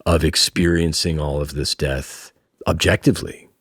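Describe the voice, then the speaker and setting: Very deep-voiced, thoughtful male host. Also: steady tone, fairly bright tone, slightly rough, no echo, clean studio sound. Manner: thoughtful, deliberate, halting. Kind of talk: reflective interview and casual musing.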